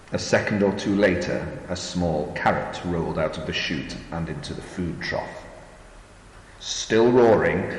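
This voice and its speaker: A man, the author, reading his own novella aloud in first-person audiobook narration, in a measured, steady way. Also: low-pitched. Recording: roomy echo, long reverb, faint hiss.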